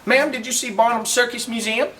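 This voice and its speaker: A man's voice: very high-pitched, steady tone, sharp tone, far from the mic, slight background noise. A man with a Southern American accent, a living history reenactor telling a first-person tale outdoors in a folksy, teasing way, chatting with his audience. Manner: folksy, teasing, drawn-out delivery with audience asides.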